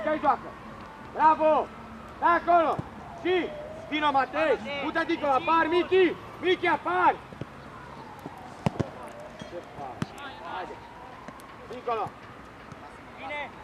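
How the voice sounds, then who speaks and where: A man coaching young football players from the touchline, shouting commanding orders and repeating their names over and over. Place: outdoor football pitch during a match. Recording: noisy outdoor pitch recording.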